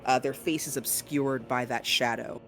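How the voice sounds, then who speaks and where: A man narrates a tabletop game as its game master. He improvises in a halting way, searching for words, in a middle-pitched voice. Soft music plays underneath. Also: steady tone, creaky.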